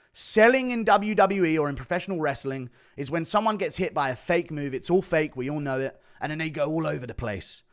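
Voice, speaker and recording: A man's voice: a little high, fairly bright tone. Emphatic man reacting to a clip. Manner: emphatic, repeats quoted lines, profane. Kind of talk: reaction commentary.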